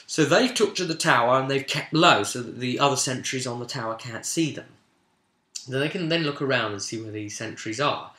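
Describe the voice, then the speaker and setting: This is a game master hosting a role-playing vidcast, running through what happened in a tabletop session in a relaxed, animated storyteller's manner that suddenly swells with emphasis. He speaks at medium pitch, and the recording has a roomy echo.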